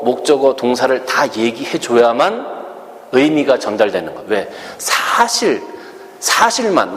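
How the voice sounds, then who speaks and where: A middle-aged man preaching a sermon as a pastor, lively and humorous, acting out the lines he quotes. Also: medium pitch, long reverb tail, slight background noise.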